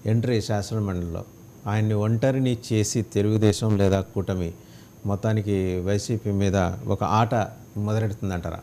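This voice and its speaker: Guy hosting a tv news debate, lowish voice, fires off questions, faint rumble behind. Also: fairly even intonation, normal speed, mellow. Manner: questioning, rising emphatic queries. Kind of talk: live TV panel debate.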